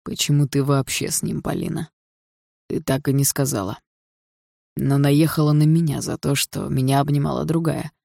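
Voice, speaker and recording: A man's voice: on the high side, fairly even intonation, normal speed, vocal fry, dark tone, no echo, studio quality. A man voicing a brooding, hot-tempered teenage boy in an audiobook, speaking curtly and tersely. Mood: defensive. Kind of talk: audiobook dialogue reading.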